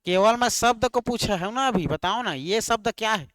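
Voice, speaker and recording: High, clear-voiced teacher quizzing. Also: male voice, animated, moderate pace, a bit bright, dry recording. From Chhattisgarh, India. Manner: repetitive, quizzing students with questions. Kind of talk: exam-prep grammar lesson.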